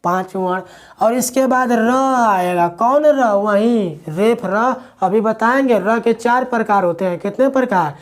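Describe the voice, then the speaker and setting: A man teaching grammar in a classroom. He talks at a slow, deliberate pace in a fairly high voice. He drills his students with repeated questions and answers. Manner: asks questions and answers them himself, repeating key words.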